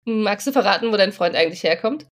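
A woman's voice: mid-range voice, lively intonation, fast. A woman hosts a podcast and chats casually with her guest. She keeps asking curious follow-up questions. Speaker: podcast host.

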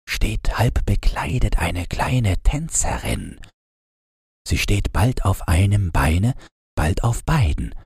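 Man doing a vain talking lily, soft, dreamy, a bit raised and hushed, storybook. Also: lowish voice, gravelly, slightly rough, no echo, clean studio sound, voice pushed up, exaggerated voice. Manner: soft, dreamy, self-absorbed. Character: a vain, self-admiring lily flower.

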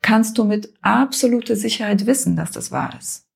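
A woman coach and mediator calmly explaining a method step by step in conversation, with measured pauses. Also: medium pitch, vocal fry, slightly rough.

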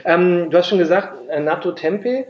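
A man's voice: sits high, animated, moderate pace. Man hosting a podcast in an echoey room. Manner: hesitant, many fillers and restarts. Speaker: podcast host. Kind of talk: casual interview. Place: workshop in a city. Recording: echoey room, dull lo-fi sound. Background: production noise.

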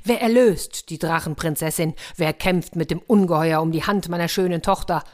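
A woman voicing a blustering old king who proclaims his plans in a booming, pompous way in a children's story reading. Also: moderate pace, darkish tone, close to an everyday voice.

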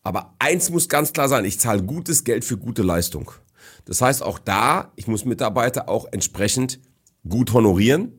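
A man's voice: mid-range voice, expressive, normal speed, husky. A middle-aged man as a podcast guest, talking assertively and in a lecturing, declarative way. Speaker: guest, business speaker. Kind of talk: casual podcast conversation.

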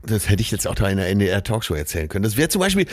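A man's voice: lowish voice, big pitch swings, quick pace. A man with a Ruhr German accent, rambling casually through a story and acting out the other people in it. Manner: rambling storyteller, acts out quoted voices. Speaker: comedian telling an anecdote. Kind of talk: casual podcast chat.

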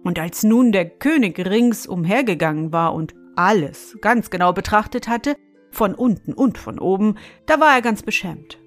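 A woman reading a fairy tale aloud, expressive and addressing the listener with little asides. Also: medium pitch, normal speed, faint music behind. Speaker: storyteller.

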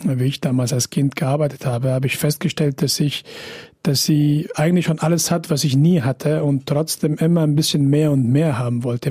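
A man in his thirties from Afghanistan, a podcast guest who answers thoughtfully and hesitantly, with many pauses and fillers. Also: fairly high pitch, dark tone, breathy edge, dry recording, clean studio sound. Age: 30s. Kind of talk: interview.

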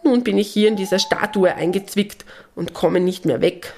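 A woman voicing a cheeky, easily offended little male Christmas gnome who shouts shrilly. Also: mid-range voice, moderate pace, a little hiss or hum, natural voice. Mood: pleading.

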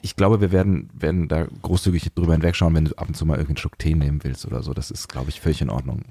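A man's voice: extremely low pitch, fairly even intonation, very fast, vocal fry, mellow, husky, no echo. A man hosting a podcast in casual, rambling chat with a wry manner. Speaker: podcast host.

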